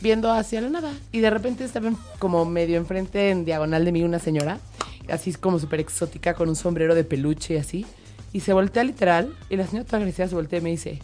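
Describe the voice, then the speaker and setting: Lively woman telling a story. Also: fairly low pitch, fast, soft background music. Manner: lively, animated storyteller who laughs easily. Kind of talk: casual storytelling chat.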